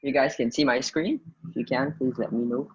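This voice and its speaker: A young man runs an online tutoring session over a video call. His voice is husky and his delivery is informal and hesitant, with frequent restarts. The call audio is dull and lo-fi. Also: mid-range voice, fairly even intonation, fairly quick. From Guyana, raised in the Bahamas.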